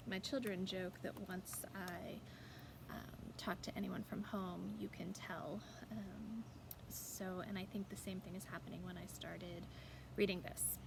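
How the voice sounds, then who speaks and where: Outdoors in a backyard, with clear background noise, a woman from the rural mountains of the United States chats casually to viewers. An author and host, she has a mid-range voice, fairly even intonation and a measured pace, over-enunciating to keep her mountain twang in check.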